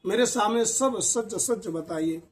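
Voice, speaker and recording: A man voicing a kind, calm old sage in a storybook tale, speaking in a gentle, instructive way. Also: sits high, slow.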